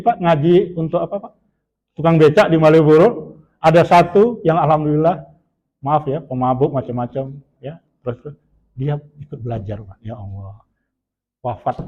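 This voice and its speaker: A man's voice: on the high side, darkish tone, lo-fi sound. A middle-aged man preaching a dawn sermon in a mosque, chatty and often asking the audience for agreement.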